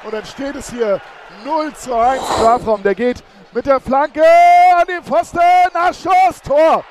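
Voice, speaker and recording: A man's voice: very high-pitched, takes it slowly, a little hiss or hum. A man doing screaming, exasperated goal commentary as a football commentator on fan radio. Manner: exasperated, shouting. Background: stadium crowd.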